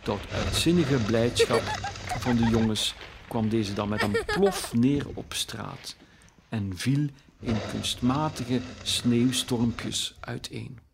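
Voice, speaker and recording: A man narrates a storybook at an unhurried, deliberate pace, his voice sitting at an ordinary middle pitch. The reading is measured and calm. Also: gravelly, background noise. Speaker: audiobook narrator.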